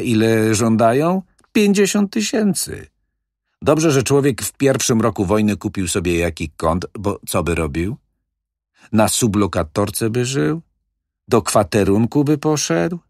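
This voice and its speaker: Guy voicing a cocky loud-mouthed manager in an audiobook, pushy and wheedling, voice pitched up. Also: no room sound, clean studio sound, exaggerated voice. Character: brash, boastful middle-aged male building manager.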